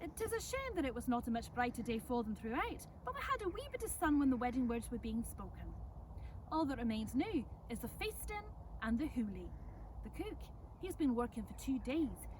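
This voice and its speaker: A woman's voice: high-pitched, darkish tone, far from the mic, a little hiss or hum. A woman playing a chatty, folksy servant of centuries past, telling visitors a tale in an Ulster Scots accent. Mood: fond, excited. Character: chatty, welcoming servant woman of a 17th-century Irish estate. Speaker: costumed storyteller. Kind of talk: in-character historical storytelling to visitors. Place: outdoors in front of a house.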